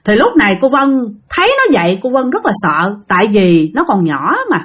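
A woman's voice: mid-range voice, very animated, moderate pace, husky. A woman with a Southern Vietnamese accent telling a ghost story and chatting directly to her listeners. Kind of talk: spoken ghost-story narration.

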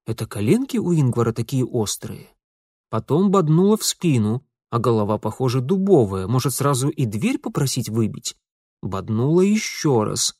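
A man narrates an audiobook in a steady, measured reading. His pitch sits in an ordinary middle range. The recording is dry and close, with no room echo at all. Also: breathy edge. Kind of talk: scripted narration.

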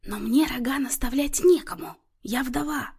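A woman reading an audiobook, voicing a hoarse, sharp-tongued older widow who nitpicks. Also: sits high, normal speed, voice pushed up, exaggerated voice. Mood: pedantic. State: hoarse from laryngitis.

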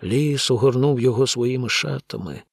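Guy narrating an audiobook, gravelly and husky, dry close sound, slow grave read. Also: medium pitch, no echo.

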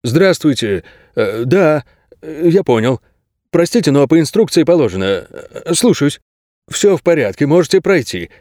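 A jittery young prison guard, as a male audiobook reader puts him on, with a voice pitched well above the reader's own and a lively, fretful rise and fall. He stammers and digs in his heels, close and dry on the mic. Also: no room sound. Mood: stubborn, flustered. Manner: hesitant, stubborn, quick. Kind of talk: audiobook character voice.

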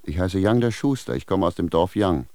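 An actor playing a confused, blunt village shoemaker who speaks plainly and indignantly in a radio drama. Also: male voice, sits low, lively intonation, a little fast, a little mellow, no room sound, clean studio sound. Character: bewildered male village shoemaker, blunt, stubborn.

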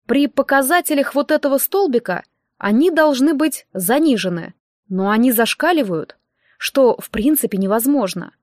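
A woman's voice: sits high, expressive, normal speed, darkish tone, no echo, clean studio sound. A woman voicing a kindly, puzzled middle-aged male doctor who fumbles through hesitant explanations.

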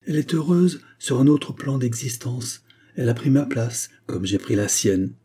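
Guy reading a ghost of a dead man, cold and solemn, real dark voice. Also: medium pitch, animated, normal speed, breathy edge. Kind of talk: audiobook character voice.

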